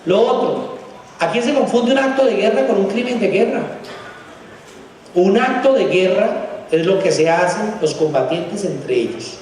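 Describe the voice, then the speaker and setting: A man's voice: expressive, unhurried, a little mellow, distant mic, slight background noise. Bogotá man lecturing in an echoey hall. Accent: Bogotá Colombian Spanish. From Colombia. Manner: emphatic and sarcastic, rising in pitch to stress points. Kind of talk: conference lecture. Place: large hall.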